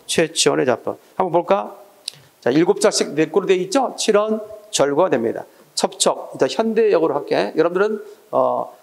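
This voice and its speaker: Gravelly Korean lecturer quizzing his class. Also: fairly high pitch. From South Korea. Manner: asks students rhetorical check questions, mixes casual and polite endings. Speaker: exam prep lecturer.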